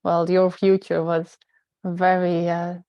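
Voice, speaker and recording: A woman's voice: fairly low pitch, monotone, takes it slowly, smooth, dry recording, muffled recording. A woman moderating a conference panel, asking questions hesitantly with many fillers.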